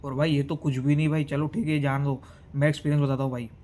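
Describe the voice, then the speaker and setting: A young man from Gujarat telling a travel story in a casual vlog, animated, switching between Hindi and English. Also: on the high side, quick pace, slight background noise. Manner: animated, mixes Hindi and English, mimics others. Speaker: vlogger.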